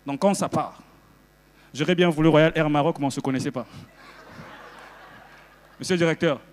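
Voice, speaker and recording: Brief: male stand-up comic from Congo, high voice, animated delivery with loud outbursts, stage mic in a reverberant hall. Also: moderate pace. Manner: animated, jumps into loud shouted character bits. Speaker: stand-up comedian. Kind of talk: stand-up comedy. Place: festival stage before a live audience.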